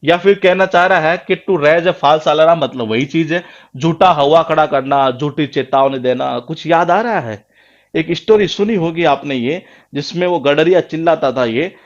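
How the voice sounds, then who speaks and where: A man's voice: a little high, lo-fi sound. A man with a Rajasthani Hindi accent teaching English idioms for exams, asking questions and answering them himself, often repeating words for emphasis. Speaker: English teacher for exam prep. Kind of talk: classroom lecture.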